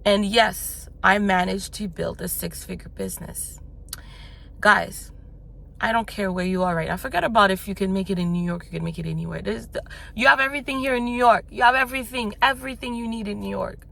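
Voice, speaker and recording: Brisk and sharp-toned, this gravelly, medium-pitched woman is an American-raised business coach making a motivational vlog. She speaks bluntly, swears casually, and rambles with plenty of fillers and restarts.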